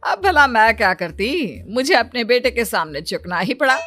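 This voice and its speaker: A woman's voice: a little high, big pitch swings, moderate pace, sharp tone, slight background noise, voice pushed up. A woman voicing a stern, domineering rich middle-aged mother in a cartoon story, in a scolding, bossy manner. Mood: imperious.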